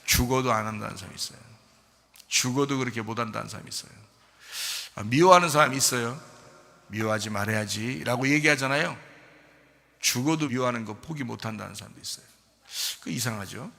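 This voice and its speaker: A male pastor preaching a sermon in a conversational style, asking the congregation rhetorical questions and moving between quiet and loud passages. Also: medium pitch, fairly quick, creaky, long pauses. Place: church sanctuary. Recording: church hall reverb.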